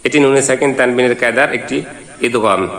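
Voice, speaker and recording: A man teaching Quran reading. He spells out letters and vowel marks one at a time, then chants each verse in slow, drawn-out syllables. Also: mid-range voice, a bit bright, echoey room. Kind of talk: step-by-step recitation lesson.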